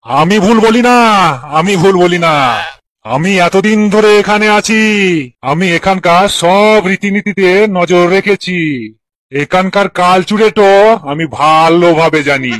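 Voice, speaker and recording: A man voicing a stubborn male headmaster in a cartoon, calming others but insisting he is right. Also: high voice, no echo. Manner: placating yet stubborn.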